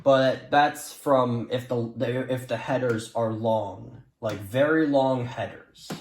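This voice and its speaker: Taking things slowly in a medium-pitched voice, a vlogger who is into weather radios casually demonstrates a gadget without a script. He hesitates and repeats himself, against an echoey room and a background hiss.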